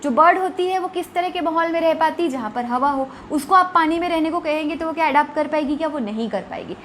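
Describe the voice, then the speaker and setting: A woman, teaching English vocabulary to students in a classroom-style lesson, asking rhetorical questions and reading examples slowly. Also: high-pitched, expressive, a bit bright, slight background noise. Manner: slow, spelled-out English examples with Hindi explanation. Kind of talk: classroom lesson explaining words.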